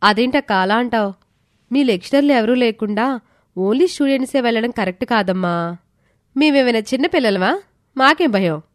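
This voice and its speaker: A woman voicing a lively, defiant teenage younger sister in an audio story, sharp-tongued and petulant. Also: on the high side, moderate pace, pauses often, no echo, clean studio sound, lightly acted.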